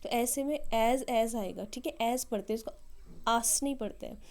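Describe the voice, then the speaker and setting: Indian woman teaching slow English phrases. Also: a little high, darkish tone. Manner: slow, deliberate English example sentences between quick explanations. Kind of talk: bilingual language lesson.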